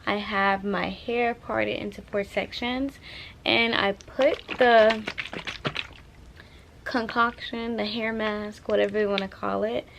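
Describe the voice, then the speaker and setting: A woman's voice: medium pitch, steady tone, slow pace, gravelly, background noise. A woman vlogging about her hair care in casual chat, chatty and self-teasing, with asides to her viewers.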